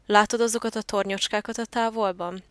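Woman voicing a devoted male turtle dove, earnest, soft-spoken, flat even delivery, dry close sound, storybook. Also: mid-range voice, no room sound, close to an everyday voice.

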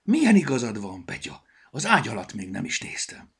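A man voicing a lively, boastful squirrel in a children's audiobook, chirpy and quick. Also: medium pitch, slightly rough, pitched above the performer's own voice, exaggerated voice. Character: lively show-off cheeky squirrel.

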